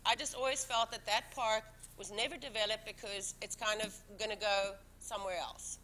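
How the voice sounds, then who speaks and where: Speaking English as a second language, a female town commissioner defends herself emphatically at a public board meeting in the town council room, restarting frequently. Her mid-range voice is pushed and bright, with fairly even intonation and a moderate pace. Slight background noise is present.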